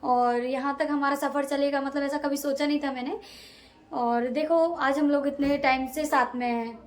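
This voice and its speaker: A woman's voice: high voice, fairly even intonation, normal speed. A young woman, chatting casually to her viewers in a vlog. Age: young adult. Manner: talks to viewers directly, chatty and emotional. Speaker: vlogger. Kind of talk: casual chat to camera.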